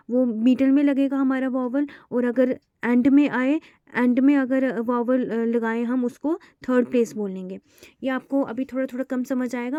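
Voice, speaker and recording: Teacher: high-voiced woman, mellow and dry, halting delivery full of fillers, shorthand lesson. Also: no room sound. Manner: halting, many fillers, repeats itself. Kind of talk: online lesson explaining to viewers.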